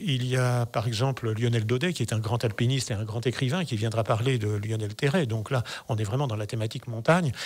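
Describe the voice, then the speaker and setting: Husky older man speaking slowly. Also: mid-range voice, a little mellow. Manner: measured, hesitant with many fillers. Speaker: festival association president. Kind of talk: radio interview. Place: radio studio. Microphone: studio mic on boom arm.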